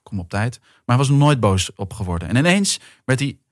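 A man's voice: medium pitch, big pitch swings, brisk, dry recording, studio quality. A man in his forties, a guest actor and writer, telling personal stories in a casual talk. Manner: thoughtful anecdotes, many fillers. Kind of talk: casual chat.

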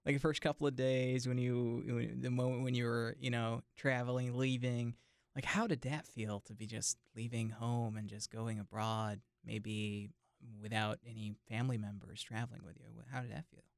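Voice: medium pitch, little pitch movement, normal speed, creaky, no echo, studio quality. An interviewer chatting casually, reacting and rephrasing questions as they go.

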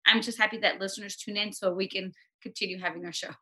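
A woman's voice: mid-range voice, fairly even intonation, fast, bright, forceful tone. A woman from Los Angeles, a radio co-host, chatting casually and emotionally as a podcast guest, full of "you know what I mean".

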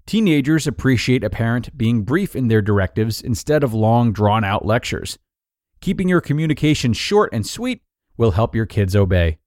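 A man reads a written piece aloud as scripted narration, moving through numbered tips in a clear, even delivery. His pitch rises and falls in a lively way. The sound is close and dry, with no room echo. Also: normal speed. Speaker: narrator reading an article aloud.

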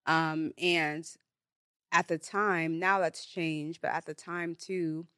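She's a young Nigerian beauty brand founder, Igbo being her first language, guesting on a studio podcast for a casual interview. Her low, resonant voice is slow, steady, sharp and clear, captured dry on a studio mic, with frequent "like" and "um."

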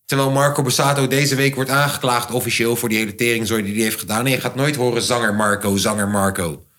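A Dutch-accented man hosting a rowdy podcast among friends, talking in loose, jokey banter. He swears freely and breaks into goofy mimicry with sudden jumps in pitch. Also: level tone, fast, a bit bright. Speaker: podcast host. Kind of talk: casual banter.

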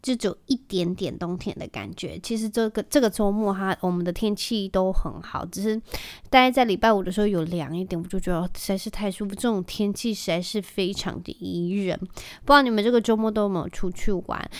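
A chatty woman in her thirties from Taiwan hosts her own podcast. She talks loosely and rambles, with a lot of filler words, at a middle pitch. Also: fairly quick, clean tone. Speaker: podcast host. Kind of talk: casual chat.

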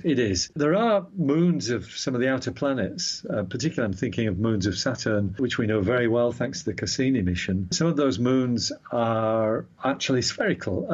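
A man's voice: mid-range voice, breathy edge, lo-fi sound. A man explaining astronomy in a casual chat, using everyday analogies and wry asides. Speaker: astronomy commentator.

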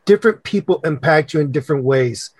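A man co-hosting an interview, praising his guest in measured phrases before asking a question. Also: a little high, lively intonation, darkish tone, dry recording. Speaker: co-host. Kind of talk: casual interview.

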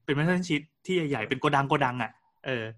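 A man's voice: fairly high pitch, expressive, a little fast, fairly bright tone. A man co-hosting a podcast, telling a story in casual chat with frequent restarts and fillers. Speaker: podcast co-host.

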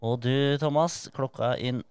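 A man's voice: medium pitch, steady tone, darkish tone, clean tone, dry recording. A man on a podcast, reading out race results in a matter-of-fact way. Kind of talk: casual podcast chat.

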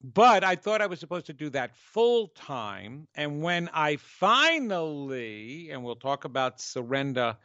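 A man's voice: on the high side, very animated, unhurried, few pauses, bright, forceful tone, dry recording, muffled recording. A man with a New York accent hosting a spiritual teaching show, speaking conversationally and emphatically, stretching key words. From New York, United States.

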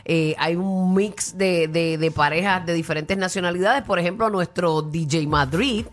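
A woman's voice: fairly low pitch, normal speed. Affectionate radio co-host woman. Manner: affectionate, teasing. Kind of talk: casual radio chat.

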